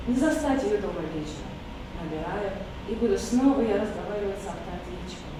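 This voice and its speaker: A poet whose first language is Russian gives a spoken intro and then reads her own poem in a medium-pitched, lively voice at a quick pace. She sounds hesitant and emotional, using many fillers. The recording is distant, echoey, and noisy, captured from afar in an echoey hall.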